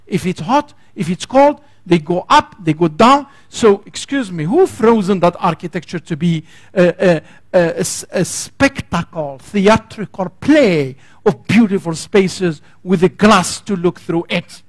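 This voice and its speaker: A male guest lecturer with a high voice gives an academic lecture in a lecture hall. He speaks unhurriedly but with real passion, searching for words and restarting his sentences many times.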